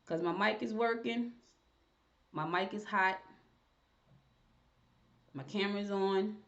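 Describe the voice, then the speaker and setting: Woman host, chatty live-stream interviewer, average pitch, dull lo-fi audio. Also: slow pace. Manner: chatty, talks to viewers while fixing tech. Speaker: show host.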